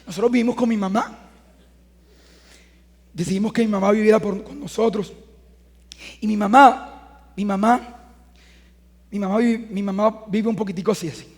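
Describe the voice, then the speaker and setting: A man in his thirties preaching a sermon as a pastor, talking conversationally and then swelling into loud, emphatic passages. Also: sits high, fairly even intonation, normal speed, pauses often, in a large hall. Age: 30s.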